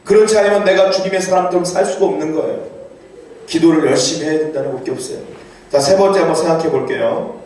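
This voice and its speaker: A man preaching a sermon as pastor, animated, reading scripture aloud and rising to cries for emphasis. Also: fairly high pitch, fast, slight background noise. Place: church sanctuary. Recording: very echoey church hall, voice from far off.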